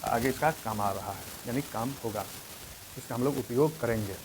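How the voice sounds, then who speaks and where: A man teaching Hindi grammar in a slow, repetitive classroom style, spelling out letters one at a time. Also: mid-range voice, background noise.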